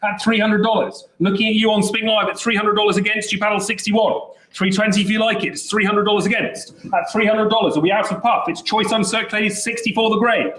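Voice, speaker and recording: A man working as an auctioneer, calling bids at a brisk pace with chatty, joking patter. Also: high voice, steady tone, a bit bright, roomy sound, rough recording. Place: auction saleroom.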